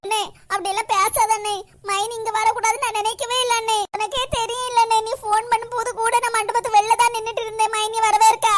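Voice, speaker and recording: A woman voicing a shrill pleading young woman. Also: little pitch movement, fast talker, hardly any pauses, no echo. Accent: Kanyakumari Tamil. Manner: tearful, pleading. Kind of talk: animated comedy cartoon dialogue.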